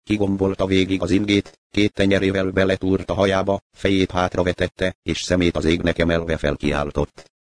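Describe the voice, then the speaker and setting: Deep-voiced man reading a story. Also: level tone, no room sound. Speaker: narrator. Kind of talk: reading a literary short story aloud.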